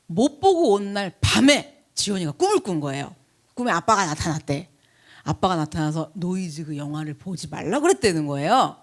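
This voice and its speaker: A middle-aged woman pastor telling a chatty, animated story in a sermon, acting out the people she quotes. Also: lowish voice, normal speed. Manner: chatty, animated anecdote with laughs and acted quotes. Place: church.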